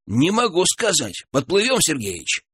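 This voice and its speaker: A man's voice: fairly high pitch, wildly swooping pitch, unhurried, a bit bright, breathy edge, pitched above the performer's own voice, exaggerated voice. A man reading as a casual, easygoing companion.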